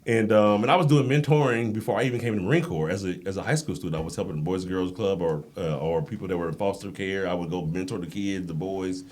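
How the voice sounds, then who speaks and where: Speaking fast with few pauses, an American man whose voice sits low recounts stories on a podcast. He's a Marine and endurance coach, and in this casual interview he animatedly acts out the quoted lines.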